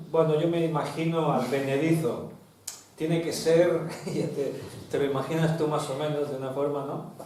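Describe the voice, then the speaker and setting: Echoey Spanish pastor teaching. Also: male voice, medium pitch, mellow, a little hiss or hum. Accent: Spain. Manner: teaching, asks the congregation questions. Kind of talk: Bible study sermon. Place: church hall. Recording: very echoey hall, distant mic.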